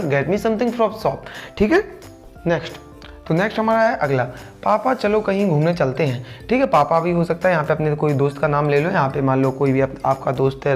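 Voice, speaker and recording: Man drilling English phrases. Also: sits high. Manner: drills example sentences slowly, repeating each several times. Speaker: English teacher. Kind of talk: spoken-English lesson in Hindi.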